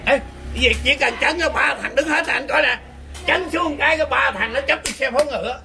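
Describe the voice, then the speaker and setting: A man's voice: extremely high pitch, fairly quick, creaky, sharp tone. A man with a Southern Vietnamese accent, trash-talking and teasing his opponent over a street chess game, boastful and laughing. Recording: crowd chatter behind.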